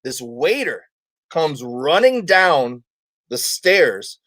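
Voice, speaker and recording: A man's voice: on the high side, big pitch swings, very slow, fairly bright tone, dry recording. A man, a comedian guest, telling a story in a casual interview and acting out the quotes of the people in it.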